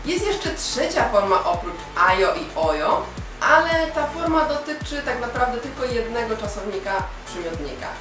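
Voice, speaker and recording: A woman's voice: fairly high pitch, sing-song, moderate pace. A woman teaching a language lesson, explaining grammar rules step by step in a patient way. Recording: very echoey room, voice from far off, music behind.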